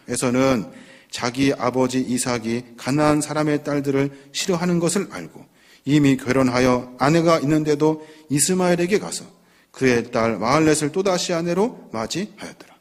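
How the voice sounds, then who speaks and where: A man's voice: on the high side, normal speed. A male pastor preaching a sermon, telling the story with dramatic flair and acting out the characters' pleas. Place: church sanctuary.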